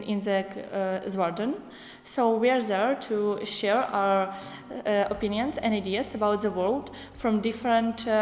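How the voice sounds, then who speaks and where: A young woman describing a youth exchange project in halting English with many fillers. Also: mid-range voice, darkish tone. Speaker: project participant. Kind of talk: interview answers in non-native English. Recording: echoey hall.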